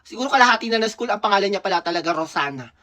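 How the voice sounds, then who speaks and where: A man's voice: sits high, expressive, very fast, bright, forceful tone. A man in his thirties from the Philippines, a dentist telling a school memory in casual, playful, gossipy storytelling. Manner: gossipy, playful, laughs often. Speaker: dentist vlogger.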